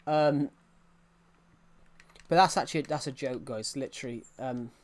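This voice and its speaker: A young man in his early twenties talking through a live game stream. He rambles from one subject to the next and answers chat messages as they come in. His voice sits at an ordinary mid pitch. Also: a little slow. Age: early 20s. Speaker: livestreamer. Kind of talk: casual livestream chat while gaming.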